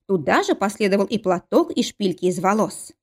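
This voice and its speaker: A woman narrating an audiobook in an even, expressive reading voice. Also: mid-range voice, fairly quick, slightly rough. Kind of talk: scripted narration.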